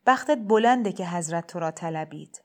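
A woman voicing a gentle, persuasive male shrine cleric in a storybook reading, speaking in a heavy, soft, kindly insistent way. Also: fairly low pitch, expressive, close to an everyday voice. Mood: coaxing.

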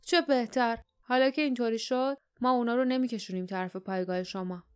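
Woman reading blunt calm warrior dude, audiobook. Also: fairly high pitch, clean tone, lightly acted.

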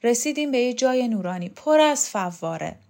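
A woman's voice: on the high side, expressive, a little mellow, pitched above the performer's own voice. A woman voicing a poor, resigned old man who dreams of his absent son, in a storybook reading. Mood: wistful.

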